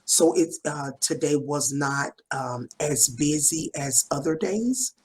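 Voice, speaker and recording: A woman's voice: sits low, takes it slowly, darkish tone, breathy edge. A woman from the United States tutoring English over a video call, encouraging and asking simple questions with frequent mm-hmms. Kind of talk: video call conversation lesson.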